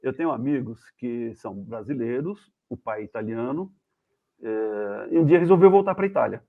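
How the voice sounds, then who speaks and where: A man's voice: medium pitch, vocal fry, slightly rough. Brazilian man telling stories over a tinny call. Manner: animated, acts out the voices in his anecdotes. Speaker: guest journalist. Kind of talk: casual storytelling. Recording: tinny phone-like video call audio.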